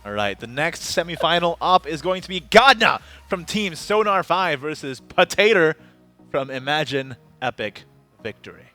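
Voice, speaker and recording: A male esports caster with a bright, forceful voice that swings up and down a lot. He gets excitable and breaks into shouts at big plays. Faint music plays behind him. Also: fairly high pitch, normal speed. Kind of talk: live esports commentary.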